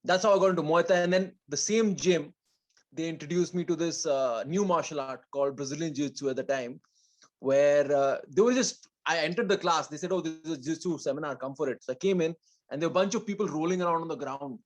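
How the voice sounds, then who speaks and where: A man's voice: a little high, a little fast. A man with an educated Indian English accent, answering as a podcast guest in a modest, conversational way and telling personal stories casually. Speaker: podcast guest, martial arts athlete.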